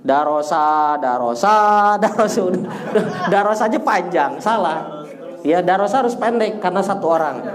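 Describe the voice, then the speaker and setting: A man's voice: high-pitched, lively intonation, moderate pace, a crowd in the background. A man teaching an Arabic lesson, patiently drilling vocabulary in a sing-song tune and chuckling as he corrects. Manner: jokes and chuckles while correcting. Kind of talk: classroom lesson.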